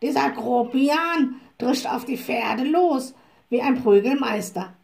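Croaky cranky raven bird, all worked up, storybook voice a lady doing it, a bit higher and odd-sounding. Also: takes it slowly, a little mellow, full character voice. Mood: outraged. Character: indignant old male raven companion.

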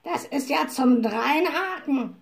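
A woman putting on a croaking indignant raven. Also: high voice, lively intonation, slow pace, voice pushed up, exaggerated voice. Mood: outraged. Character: indignant old male raven companion.

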